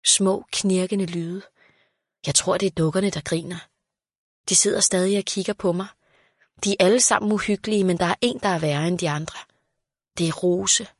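A woman reads a children's story aloud in a calm, even voice. Her pitch sits low for a woman, and the recording is dry and close, with no room sound. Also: dry recording. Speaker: narrator.

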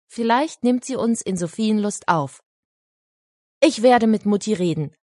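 A woman voicing an excited young boy in a storybook reading, lively and eager. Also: a little slow, dry recording, studio quality, close to an everyday voice. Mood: earnest. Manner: eager, high and loud.

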